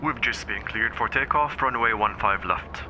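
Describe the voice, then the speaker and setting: A man's voice: on the low side, moderate pace, muffled recording. Man giving clipped pilot cockpit callouts. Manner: clipped, procedural pilot phrasing. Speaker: simulator pilot. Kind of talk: crisp cockpit callouts, as if over a pilot headset. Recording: steady engine noise behind.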